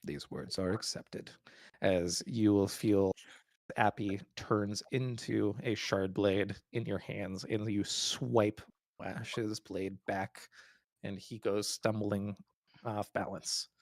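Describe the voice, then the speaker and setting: Slow, gravelly male game master. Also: fairly low pitch, flat delivery, a little mellow, no echo. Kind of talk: narrating a tabletop game.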